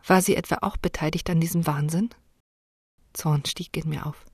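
Woman narrating an audiobook in a dry, low voice. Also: moderate pace, slightly rough, no echo. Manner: expressive, heightened for dialogue lines. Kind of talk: scripted first-person narration.

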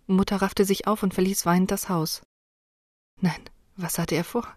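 A woman reading a first-person novel chapter as an audiobook narrator, expressive and heightened in dialogue. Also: medium pitch, normal speed, dry recording, studio quality.

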